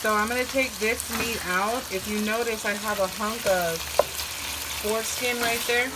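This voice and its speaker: Pitched on the high side, this woman keeps a steady tone and a moderate pace while rambling through her home cooking video with bawdy jokes. She's a cooking vlogger chatting casually in a home kitchen where food is frying, with pan sizzle in the background.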